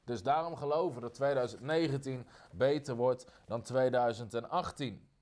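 A man preaching a sermon, emphatic, repeating phrases and slowing down on key lines. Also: mid-range voice, a little mellow.

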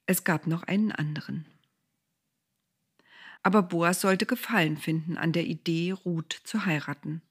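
Woman telling a bible story to kids, lowish voice, talks right to them. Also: fairly bright tone, slightly rough. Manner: speaks directly to young listeners. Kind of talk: Bible story narration for children.

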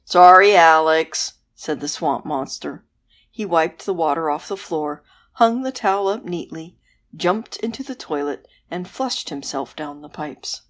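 A woman host narrating a bedtime story in a soft, gentle, unhurried way. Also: sits low, animated.

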